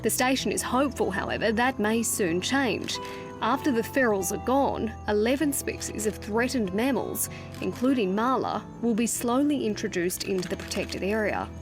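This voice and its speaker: A woman's voice: a little high, animated, moderate pace. An Australian woman narrating a scripted television news feature as a reporter. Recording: music under the voice. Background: music.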